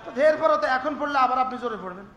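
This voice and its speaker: High-voiced male preacher in an echoey space. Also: expressive, bright, forceful tone, lo-fi sound. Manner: questions the crowd often, slow drawn-out chanting of prayers. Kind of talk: sermon. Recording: echoey with faint ambient noise.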